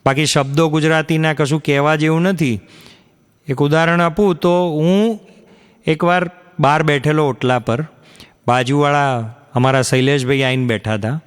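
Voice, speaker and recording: A man's voice: fairly even intonation, moderate pace, clean tone. A man doing stand-up storytelling, acting out the people in his jokes with shifts of voice. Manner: acts out quoted characters with shifts in pitch. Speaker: stand-up comedian. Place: live comedy stage before an audience. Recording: hall reverb from a live stage.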